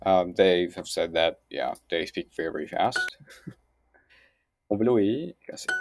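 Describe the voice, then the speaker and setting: Thinking out loud in mumbled asides, a man who hosts a language-learning series comments casually on lessons shown on screen. His voice sits low and he speaks in an animated, unhurried way; there's no echo, though the home recording is clearly noisy.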